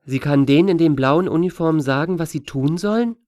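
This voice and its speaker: A man's voice: fairly high pitch, fairly quick, darkish tone, no echo, studio quality, lightly acted. A man voicing a pushy, blunt ten-year-old girl who keeps asking questions in a whiny, insistent way, in a storybook reading.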